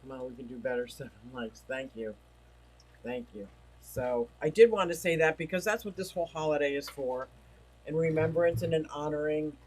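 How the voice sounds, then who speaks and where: An animated man with a slightly high voice hosts a casual home livestream at normal speed, rambling, chatting, and reading viewer comments aloud. He feels like he's losing his voice, and the recording is rough.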